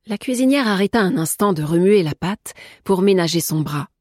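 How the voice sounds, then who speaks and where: Husky, low-voiced woman narrating a novel. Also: no room sound, studio quality. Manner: measured, even storytelling. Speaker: audiobook narrator. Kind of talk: scripted narration.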